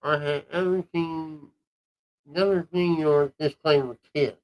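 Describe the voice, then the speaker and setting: A man in his sixties chatting as a guest on a livestream, gruff and joshing. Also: a little high, steady tone, measured pace, low-quality recording. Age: 60s. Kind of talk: casual chat.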